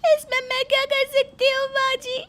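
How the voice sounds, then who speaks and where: A woman voicing a naive, tender-hearted young daughter-in-law in an animated story, speaking earnestly and apologetically. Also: extremely high pitch, normal speed, voice pushed up. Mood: tearful. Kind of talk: Hindi cartoon voice acting.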